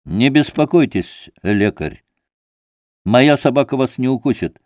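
A man's voice: medium pitch, animated, a little slow, a little mellow, no echo, studio quality, natural voice. A man voicing Kolya, a defiant youth who cuts in bluntly. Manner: blunt, cutting. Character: sharp, defiant boy-like young man Kolya.

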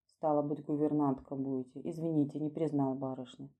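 A woman voicing a kindly, fussy old male footman who talks in soft, coaxing, folksy speech. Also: sits low, level tone, a little fast.

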